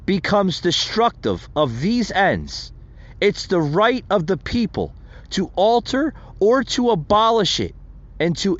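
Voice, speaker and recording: In a high voice, a male podcast host speaks passionately about politics by himself, often calling out to his audience as "folks." The recording has its highs cut off.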